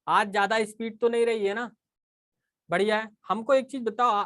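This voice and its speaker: A man's voice: high-pitched, fairly even intonation, moderate pace, fairly bright tone. A man teaching a casual live online class, talking straight to his students and often checking in with "okay".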